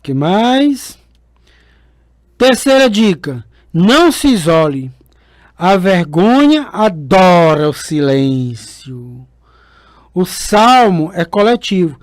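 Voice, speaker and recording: Casting note: a high-voiced man, a priest giving a homely radio sermon with lots of tag words. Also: sing-song, takes it slowly, pauses often, no room sound. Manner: chatty, fond tags like "né" and "queridos". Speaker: priest and radio show host. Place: radio studio.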